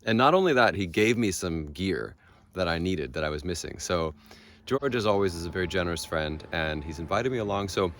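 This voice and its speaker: Very deep american guy, chill and a bit wry, chatting outdoors by a lake. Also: animated, fairly quick, fairly bright tone. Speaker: guest and local guide on the ride. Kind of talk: casual outdoor chat.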